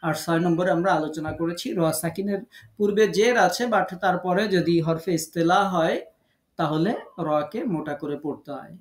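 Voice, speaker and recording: A man teaching Quran recitation rules in an online lesson, patiently repeating each rule and drawing out example words slowly. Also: fairly high pitch. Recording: echoey room.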